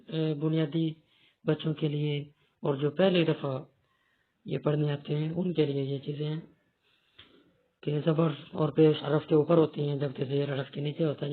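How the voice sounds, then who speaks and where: A male teacher walks beginners through a reading lesson, patient and methodical, going back over each point. His voice sits a little high. The audio is thin and tinny, like a phone call. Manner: patient, explains slowly and repeats key points.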